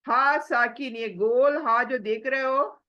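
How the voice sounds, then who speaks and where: Slow patient woman teaching recitation. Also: fairly high pitch, fairly even intonation, lo-fi sound. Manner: patient, drawn-out syllables, asks and answers her own questions. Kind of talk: slow tajweed lesson, spoken and recited.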